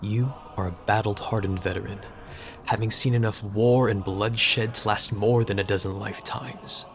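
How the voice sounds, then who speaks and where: A young American man with a lowish voice gives a scripted class speech at a normal pace, keeping his tone steady. His delivery is casual and wry, sprinkled with slangy asides and jokes. Slight background noise can be heard on the recording.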